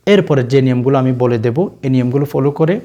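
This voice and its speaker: A man's voice: medium pitch, mellow, lo-fi sound. Bangladeshi man preaching to his viewers. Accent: Bangladeshi Bengali. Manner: slow drawn-out chanted recitation between explanations; coaxing, addresses viewers directly with repeated questions. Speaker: Islamic preacher. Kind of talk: religious teaching with Quran recitation.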